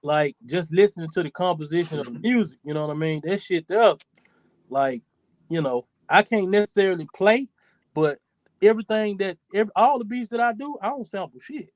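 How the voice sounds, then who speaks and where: This man in his forties hosts a podcast, chatting casually in a rambling, profane, loose manner. He speaks at normal speed in a high voice, with no room sound.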